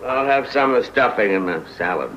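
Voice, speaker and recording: An actor playing a quiet, weary husband in a 1970s film drama. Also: male voice, medium pitch, lively intonation, brisk, close to an everyday voice. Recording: dull old film soundtrack with loud hiss.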